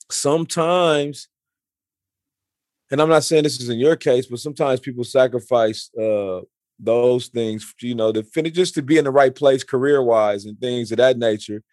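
With lots of stumbles, repeated words and restarts, a man in his forties makes casual conversation. He speaks at a medium pitch with a slightly mellow quality, in clean studio sound free of echo.

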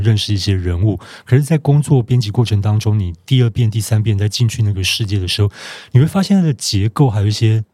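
A man who works as a book editor, interviewing a guest in a calm, attentive, descriptive way. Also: fairly low pitch, no room sound, studio quality. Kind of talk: interview conversation.

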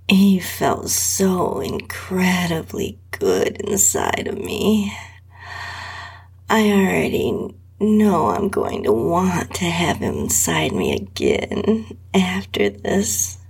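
As podcast host and narrator, a woman reads an intimate first-person adult story in a lowish, extremely breathy voice that often nears a whisper and carries a gravelly fry. Her delivery is very slow, sultry and drawn out.

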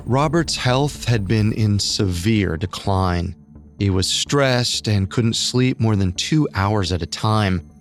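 A man co-hosting a podcast, reading scripted true-crime narration with measured storytelling delivery. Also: fairly low pitch. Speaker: podcast co-host.

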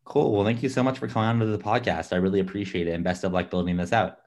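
A man hosting a podcast, asking casual, informal interview questions in quick strings, with startup-community lingo. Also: on the low side, steady tone, a little mellow. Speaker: podcast host.

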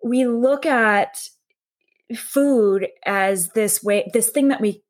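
A young woman, a health coach appearing as a podcast guest, talks in a relaxed interview with a fairly high, slow voice. She's reflective, circling around her points with many fillers and restarts.

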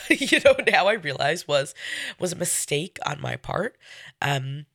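A woman hosting a casual solo podcast, sounding nasal from a head cold, speaking in a halting, self-correcting way. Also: low voice, big pitch swings, gravelly, fairly bright tone, no room sound, clean studio sound. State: getting over a cold. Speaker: podcast host.

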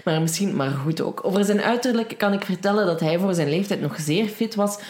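A woman's voice: medium pitch, a little fast. Flemish woman reading mail in a roomy echo. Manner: lively reading, laughing between sentences. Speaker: podcast co-host. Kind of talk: reading a listener's email aloud.

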